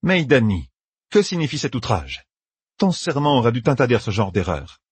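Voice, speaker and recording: A commanding woman with a firm, imperious tone, as a man puts her on. The voice is lifted in pitch yet stays husky and breathy, dry and close. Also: very animated, normal speed, no room sound. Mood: reproachful.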